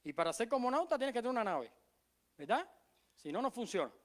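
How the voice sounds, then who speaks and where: Cuban pastor, middle-aged man, high tenor voice, sermon delivery with emphatic repeats and quiet asides. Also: very animated, fairly quick. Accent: Cuban Spanish. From Cuba. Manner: emphatic preaching, drops to soft low asides, repeats key phrases.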